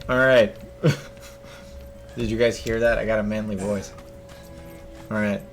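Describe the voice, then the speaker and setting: This young streamer talks slowly and steadily in a lowish voice, musing out loud and cracking jokes as he plays a video game. Game music plays faintly in the background.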